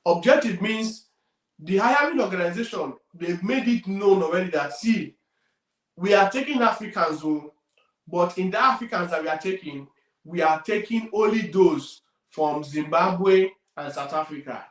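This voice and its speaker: Nigerian male career coach, emphatic and repetitive, slightly high voice, roomy distant pickup. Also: normal speed. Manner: emphatic, repeats key points, loudness swings widely. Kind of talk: career advice talk.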